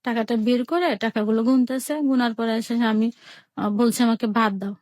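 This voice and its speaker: A woman's voice: a little high, steady tone, brisk, a little mellow, dry recording. A woman from Bangladesh telling her own life story on a radio call-in show, plainly and with many repetitions, acting out every exchange in quotes. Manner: plain spoken, repeats herself, retells each exchange in quotes.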